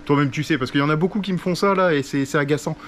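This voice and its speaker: Talking very fast in a fairly high, slightly bright voice, this man vlogs from a hotel room with a bit of background noise behind him. He's a chatty, slang-heavy travel vlogger who calls his audience "les gars" and "les loulous" and uses a nickname for himself in the third person.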